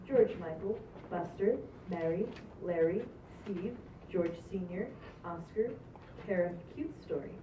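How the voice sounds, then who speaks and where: At a live table read, a woman with a warm, medium-pitched voice reads the script's stage directions aloud. The live recording is roomy, distant, muffled and very noisy.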